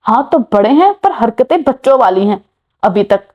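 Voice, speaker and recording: A woman voicing a feisty, sharp-tongued young woman in a romance story. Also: on the high side, expressive, moderate pace. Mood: snappy. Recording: muffled lo-fi recording.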